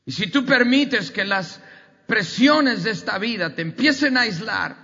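A man's voice: sits high, animated, a little slow, sharp tone. A man preaching a sermon emphatically, with repetitive lists and rising outbursts. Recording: dull audio with long hall reverb.

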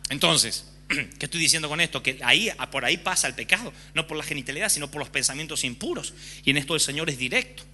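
A man's voice: on the high side, lively intonation, fast, sharp tone. A man preaching a sermon frankly and with passion, often acting out examples. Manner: impassioned, frank, acts out examples.

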